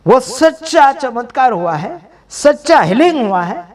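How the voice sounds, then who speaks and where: A man's voice: very high voice, sing-song, a little slow. A man giving emphatic, preaching-style commentary over video clips, repeating phrases for stress. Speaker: video commentator for a healing ministry.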